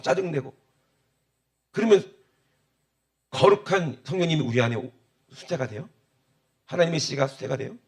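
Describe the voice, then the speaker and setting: Gravelly animated Korean pastor preaching. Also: male voice. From South Korea. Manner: call-and-response preaching, rhetorical questions, asks for amens; swings between loud exclamations and low muttered asides. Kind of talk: sermon.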